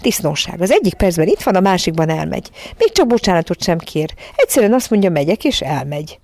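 A woman's voice: lowish voice, big pitch swings, darkish tone, dry recording. A woman voicing an indignant middle-aged mother who rants in exasperation in a storybook reading. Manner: exasperated, ranting.

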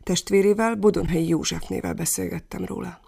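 A woman, the editor and presenter of a radio program, reading a calm, reflective script. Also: lowish voice, vocal fry, breathy edge.

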